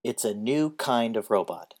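A man's voice: medium pitch, lively intonation, unhurried, a little mellow. A man reading the lines of a gangling, sardonic older man in an audiobook, with a brusque and wry delivery. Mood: dry, wry.

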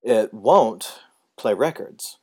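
A man reading the lines of a flustered, bewildered man in an audiobook, with an excitable, exasperated delivery. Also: lowish voice, very slow, slightly rough, exaggerated voice.

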